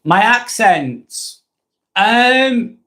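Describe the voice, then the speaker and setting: Hosting a casual live vlog, this Lancashire-accented man from northwest England is rambling and blunt, with casual swearing and lots of restarted sentences. His high voice has lively intonation, drawn-out words and a sharp tone.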